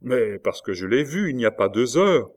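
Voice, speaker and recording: A man's voice: mid-range voice, sing-song, moderate pace, natural voice. Brief: man doing a small pompous older official, exclaiming, audiobook reading. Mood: curious.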